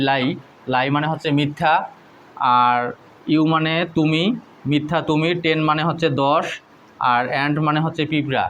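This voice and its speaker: A man teaching English spelling tricks, spelling words out letter by letter in a slow, deliberate way. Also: a little high, a bit bright, highs cut off, a little hiss or hum. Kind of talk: spelling lesson.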